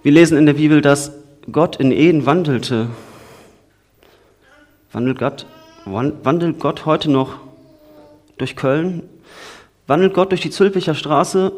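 A man from the Cologne area, giving an informal sermon in a conversational way, moving between lively storytelling and quiet earnestness. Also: a little high. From Cologne area, Germany. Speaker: preacher.

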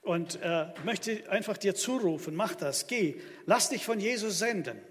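Emphatic preacher, high voice, church echo. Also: male voice, moderate pace. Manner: lively, emphatic preaching to the congregation. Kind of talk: sermon. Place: church hall. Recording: long church hall reverb.

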